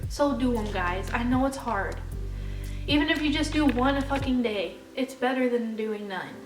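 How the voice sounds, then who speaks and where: A woman's voice: a little high, moderate pace. A woman in her twenties talking earnestly to camera, encouraging viewers and swearing casually in unedited vlog talk. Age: 20s. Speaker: vlogger. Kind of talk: unscripted heartfelt talk to camera. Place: home room with her dogs. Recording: echoey room, distant mic, loud music behind.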